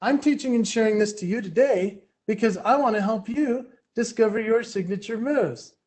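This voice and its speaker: A man giving a playful, energetic motivational keynote full of personal stories. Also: sits high, normal speed. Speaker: keynote speaker.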